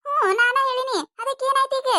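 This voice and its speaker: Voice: steady tone, brisk, pushed and bright, dry recording, clean studio sound, heavily acted. A voice actor playing a scolding older village mother-in-law with a North Karnataka accent in a cartoon comedy. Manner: scolding, nagging, shrill.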